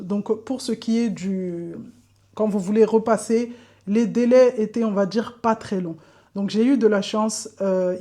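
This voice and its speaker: A woman's voice: medium pitch, warm tone. A woman telling a candid personal story to camera, often repeating words for emphasis. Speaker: vlogger.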